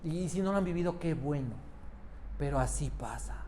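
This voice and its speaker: Un hombre predica un sermón con énfasis, repite frases y le hace preguntas a la congregación. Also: male voice, on the high side, normal speed, mellow, a little hiss or hum. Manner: emphatic, repeats phrases, quizzes the congregation. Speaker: preacher. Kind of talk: sermon.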